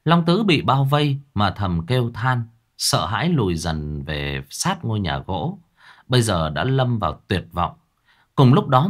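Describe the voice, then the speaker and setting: A man narrating a ghost story in a dramatic, expressive way. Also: lowish voice. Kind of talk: scripted narration.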